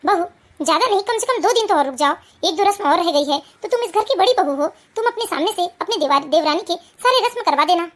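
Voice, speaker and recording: A woman voicing a gentle older mother-in-law in a cartoon, coaxing and pleading. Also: very high voice, expressive, fast.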